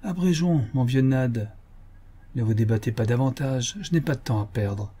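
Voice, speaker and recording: A man voicing a stern but good-hearted frontier scout in an audiobook, talking in a firm, brisk way. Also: medium pitch, lively intonation, dark tone, husky.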